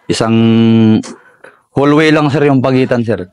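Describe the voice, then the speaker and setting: A middle-aged Filipino soldier from the Philippines, telling a war story in an interview, deferential and halting with many fillers. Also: male voice, mid-range voice, no room sound. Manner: deferential, says "sir" constantly, halting with fillers. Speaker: soldier recounting combat.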